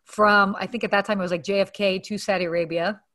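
A woman's voice: medium pitch, fairly even intonation, fast talker, fairly bright tone. A young woman hosting a casual interview, talking in a friendly, conversational way with plenty of fillers. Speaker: interview host.

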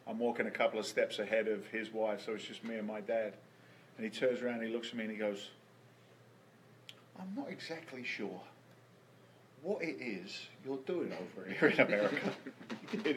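A man's voice: mid-range voice, slight background noise, rough recording. English man telling stories. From England. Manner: storytelling, animated, repeats words. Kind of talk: casual conversation.

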